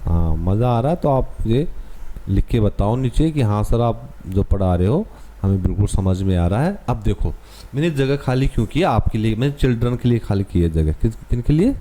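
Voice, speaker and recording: A man's voice: on the low side, lively intonation, moderate pace, dark tone. A man with an Indian accent teaching English to young pupils, patiently repeating words and spelling them out letter by letter.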